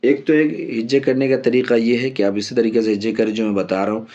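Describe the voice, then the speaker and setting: A man teaching Quran reading as a step-by-step lesson, patiently spelling out letters slowly and repeating each drill. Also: mid-range voice, little pitch movement, darkish tone, lo-fi sound.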